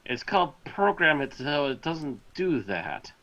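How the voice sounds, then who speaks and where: A man's voice: on the high side, big pitch swings, unhurried, pushed and bright, dull audio. A man streaming a game, chatting casually and grumbling wryly on voice chat. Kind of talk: casual voice chat while gaming.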